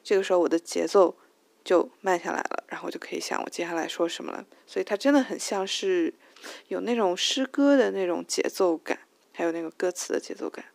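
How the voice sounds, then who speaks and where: Chinese-accented woman with a gravelly voice. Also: lowish voice, brisk, a little mellow, no echo. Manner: thinks aloud with many fillers and restarts; sings out stressed syllables to demonstrate rhythm. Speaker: host of language tips show. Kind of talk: casual spoken English lesson.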